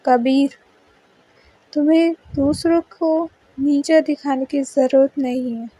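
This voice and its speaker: A strict, stern young college woman voiced by a woman, lecturing firmly and slowly. Her voice sits high with a warm, dark tone, typical of a storybook reading. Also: fairly even intonation, poor audio.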